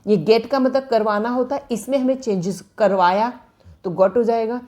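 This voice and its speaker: A woman in giving a grammar lecture, slowly repeating each example word by word. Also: fairly high pitch, darkish tone. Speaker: English grammar teacher. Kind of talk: classroom-style lecture in Hindi.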